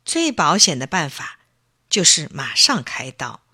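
A woman voicing a serious, cautious male doctor in a children's story, speaking in measured warnings. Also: deep voice, sing-song, pushed and bright, breathy edge, pitched below the performer's own voice, exaggerated voice. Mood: grave. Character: grave adult male doctor, worried and cautious.

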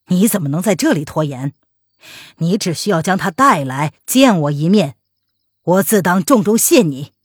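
A determined young man pleads his marriage claim in a deep, husky voice, as a woman storyteller puts him on. The audiobook recording is dry and close. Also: dry recording. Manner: firm, insistent, through gritted teeth.

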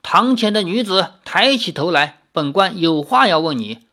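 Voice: mid-range voice, animated, normal speed, sharp tone. A reader voicing a pompous, blustering male magistrate who barks indignant orders from the bench. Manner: barking, indignant.

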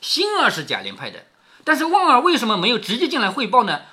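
Reading a classic novel to his daughter, a man talks in a very high voice with huge pitch swings, a quick pace and a sharp tone. He keeps it conversational, explaining the book and putting questions to her.

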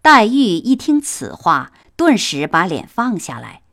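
A woman reading a classic novel aloud as a storybook for children, in a measured, expressive way. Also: mid-range voice.

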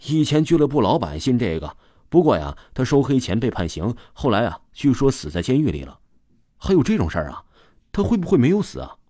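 A man's voice: medium pitch, huge pitch swings, a little fast, mellow, no room sound, studio quality. A man voicing a chatty middle-aged swim coach. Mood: confiding.

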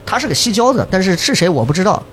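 A man's voice: sits high, racing, noisy background. A middle-aged man hosting a casual podcast chat, joking and acting out quotes as he tells stories. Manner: joking, animated storyteller who acts out quotes. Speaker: podcast host.

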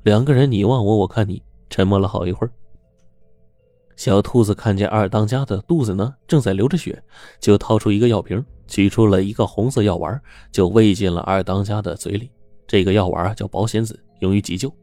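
A man narrating a serialized story in a steady, dramatic storytelling manner. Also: lowish voice, a little fast, no echo, faint music behind.

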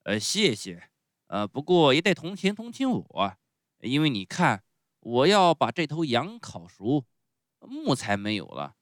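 A blustering, bearded puppet-show master, loud and gruff yet soft underneath, as a man reading a storybook puts him on. He barks his words in a raised, forceful voice, lively in pitch. The sound is dry and close. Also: unhurried, no echo. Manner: loud booming scolding with stuttering sneezes.

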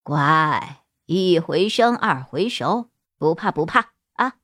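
A woman storyteller voicing a male shop boss who talks in a lowered, coaxing, soothing way. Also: animated, moderate pace, no echo, clean studio sound, natural voice. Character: gruff flustered male shop boss, gentle underneath.

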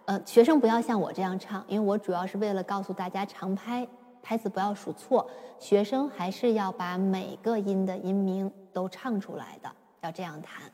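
A woman giving a patient, step-by-step piano lesson, explaining slowly with occasional fillers. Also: medium pitch, mellow. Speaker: piano teacher. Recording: long reverb with piano. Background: piano played at times.

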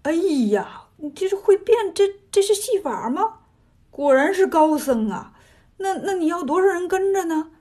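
A woman's voice: high voice, expressive, normal speed, a little mellow. A woman voicing a fretful old farmer father who grumbles in a folksy, colloquial way. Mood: amazed.

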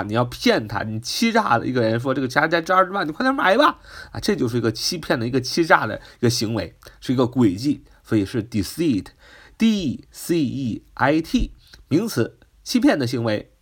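Very animated and slightly rough-voiced, a man teaches an English vocabulary lesson at a moderate pace, spelling words letter by letter and explaining them in Mandarin. His pitch rises on questions.

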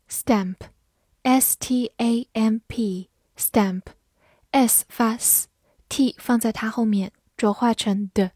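A woman's voice: on the high side, darkish tone, no echo, clean studio sound. Patient woman teaching English words. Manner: clear, patient, spells words letter by letter. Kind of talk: vocabulary lesson.

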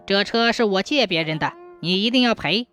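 A woman's voice: expressive, brisk, faint music behind, natural voice. A woman voicing a male ghost cart driver who complains in a pushy, raised voice. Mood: indignant. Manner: loud, complaining, high-pitched.

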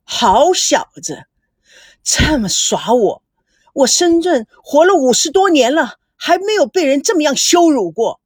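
A woman voicing an enraged male company chairman in his fifties who shouts threats. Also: very high-pitched, animated, normal speed, slightly rough, no echo, studio quality, exaggerated voice. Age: 50s. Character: furious middle-aged male company chairman.

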